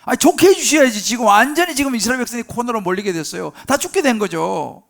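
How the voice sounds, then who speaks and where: A male pastor preaching a sermon in a church, conversational and animated, asking the congregation questions and acting out Bible scenes. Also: high voice, fast talker, vocal fry.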